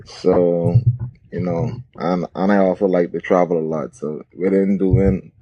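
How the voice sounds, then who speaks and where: A laid-back man talks easily as a podcast guest, his voice very low and mellow. The recording is dry and close. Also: flat delivery, unhurried, no echo, highs cut off. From the Bahamas. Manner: laid-back, lots of "you know" and "like". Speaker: wedding photographer, podcast guest. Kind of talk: casual interview chat.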